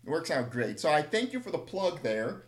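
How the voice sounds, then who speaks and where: A man's voice: on the high side, normal speed. Rambling storyteller man, echoey room. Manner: rambling, animated anecdotes with self-deprecating humor. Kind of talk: casual chat, storytelling.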